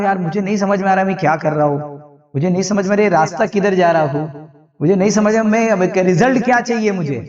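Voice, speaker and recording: A man giving a spiritual talk as a Sufi preacher, explaining with everyday examples and questions to his listeners, often filling pauses with the same little phrase. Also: sits high, far from the mic, highs cut off. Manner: often uses the filler "jo hai".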